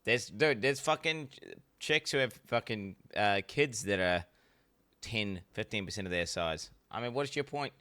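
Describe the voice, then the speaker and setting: Bright, clear-voiced New man, blunt streamer. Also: lowish voice, expressive, normal speed. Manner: blunt, argumentative, sweary. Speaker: streamer reacting to videos. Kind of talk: casual livestream reaction commentary.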